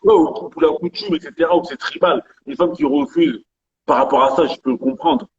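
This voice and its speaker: A man from Gabon hosting a casual live debate, measured and handing the floor to others. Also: on the high side, expressive, slightly rough, highs cut off.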